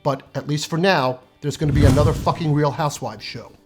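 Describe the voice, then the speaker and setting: Man, fifties, husky voice, sardonic profane comic monologue, faint music underneath. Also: a little high, brisk, a little mellow. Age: 50s. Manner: sardonic, profane, punchy delivery. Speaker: comedic essayist. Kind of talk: scripted comedic monologue.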